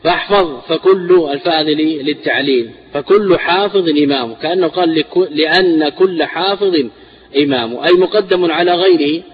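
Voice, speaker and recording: A man teaching a classical text on inheritance shares, explaining slowly and repeating words for emphasis. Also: fairly high pitch. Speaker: teacher of Islamic inheritance law. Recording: dull lo-fi recording.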